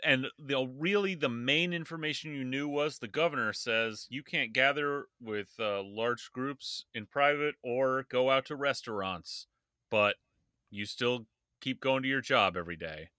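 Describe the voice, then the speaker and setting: A man's voice: medium pitch, unhurried, pushed and bright, no room sound, clean studio sound. A man co-hosting a casual political chat podcast, blunt and profane, with a sarcastic edge. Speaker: podcast co-host.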